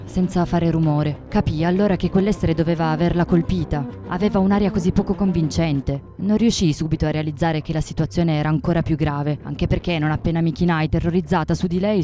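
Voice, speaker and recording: An actress playing a shaken lady-in-waiting giving measured, grave testimony in a historical radio drama. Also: low-pitched, steady tone, music in the background, natural voice.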